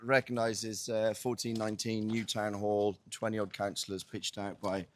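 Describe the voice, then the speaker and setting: A man's voice: on the low side, little pitch movement, normal speed. A man chatting casually outdoors, explaining history in a dry, matter-of-fact way. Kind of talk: casual chat.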